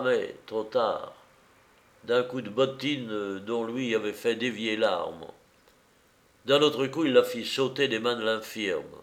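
Guy narrating a novel, slow and unhurried, steady reading voice. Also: mid-range voice. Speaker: audiobook narrator. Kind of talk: scripted narration.

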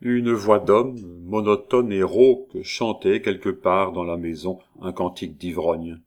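A man narrating a classic novel as an audiobook in a measured, deliberate reading. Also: deep voice, steady tone.

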